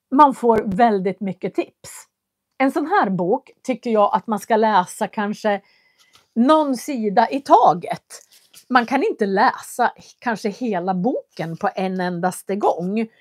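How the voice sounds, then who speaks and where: A woman's voice: medium pitch, no room sound, clean studio sound. A woman, chatting casually on a livestream as a language teacher and answering viewer comments with friendly hesitations. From Köping, Västmanland, Sweden.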